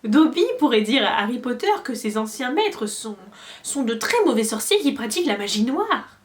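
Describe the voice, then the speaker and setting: A woman voicing a timid, eager male house-elf with a high, earnest, anxious voice. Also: expressive, moderate pace, close to an everyday voice. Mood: shaky.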